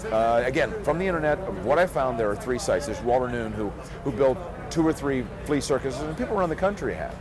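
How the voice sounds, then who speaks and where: A man's voice: mid-range voice, lively intonation, fairly quick, hardly any pauses. A man who works as a flea circus showman giving earnest, reflective answers in a casual interview. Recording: outdoor recording amid crowd chatter. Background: crowd and street noise outdoors.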